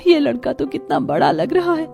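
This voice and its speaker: Teen girl in a cartoon, neglected and pleading, voiced by a woman, mellow tone, faint music behind. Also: high-pitched, big pitch swings, normal speed, creaky, exaggerated voice. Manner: pleading, hurt tone. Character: 17-year-old girl, neglected and longing for love. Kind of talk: cartoon voice acting.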